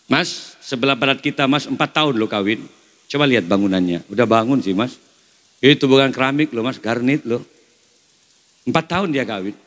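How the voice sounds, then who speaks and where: A man's voice: mid-range voice, expressive, a little fast, a bit bright, long reverb tail, lightly acted. A male preacher voicing a nagging wife who keeps comparing her husband to the neighbours. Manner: complaining, needling.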